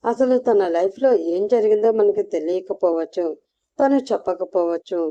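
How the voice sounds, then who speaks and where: A woman voicing a stern middle-aged mother who speaks calmly and directly in a storybook reading. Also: medium pitch, normal speed, dry recording, close to an everyday voice. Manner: calm, direct, reproving. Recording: slightly muffled lo-fi recording.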